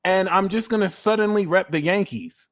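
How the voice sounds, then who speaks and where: A man's voice: high-pitched, moderate pace, dry recording, voice pushed up, lightly acted. Man doing a bragging Brooklyn tough guy. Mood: boastful. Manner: exaggerated, self-mocking bravado. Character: boastful wannabe Brooklyn tough guy, male adult.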